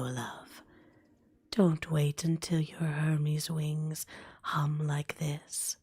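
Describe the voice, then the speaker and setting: A woman voicing a kindly, gravelly old woman who runs a wing-repair shop, in a slow, hushed ASMR roleplay with music behind. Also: deep voice, pitched below the performer's own voice, heavily acted. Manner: hushed, slow, motherly whisper.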